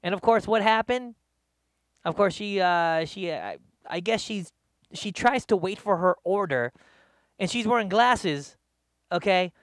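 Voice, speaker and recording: A male comedian hosting a live show, rambling in a slangy, animated rant from his studio. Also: high voice, a little slow, no room sound. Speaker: comedian host. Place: home studio.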